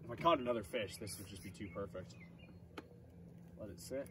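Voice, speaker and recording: A man's voice: on the low side, fairly quick. A young man in a small boat on a lake, casually explaining step by step how he fishes. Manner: laid-back, explains step by step. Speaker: angler demonstrating a technique. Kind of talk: casual outdoor fishing chat. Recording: slightly distant, faint outdoor noise.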